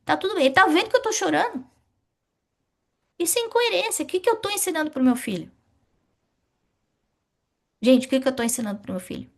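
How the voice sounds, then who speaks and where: Lively high-voiced woman teaching a class. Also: fairly quick, gravelly, pauses often. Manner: lively, rhetorical questions and answers. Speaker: study group teacher. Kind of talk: teaching a spiritist study class.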